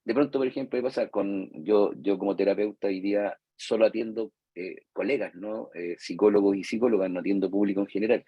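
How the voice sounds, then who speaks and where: A man's voice: on the low side, a little fast, hardly any pauses, slightly rough, dry recording, phone-quality sound. A Chilean man, a psychologist, giving a live lecture to therapists in a conversational way, acting out patients and parents and often checking in with his audience. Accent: Chilean Spanish. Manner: conversational, acts out patients and parents, frequent "¿cierto?" tags.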